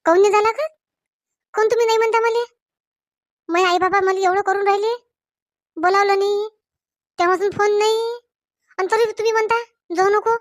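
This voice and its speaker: A woman playing a stubborn young daughter-in-law in a comedy sketch, pleading and quick-tempered, with a Varhadi Marathi accent. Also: extremely high pitch, steady tone, no echo, studio quality. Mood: upset.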